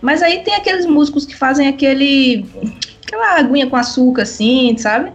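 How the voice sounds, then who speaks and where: An enthusiastic woman chats casually on a podcast, her voice sitting a little high. She talks fondly and loosely about live shows, with faint music underneath. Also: animated, normal speed, muffled recording. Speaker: podcast co-host. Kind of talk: casual chat.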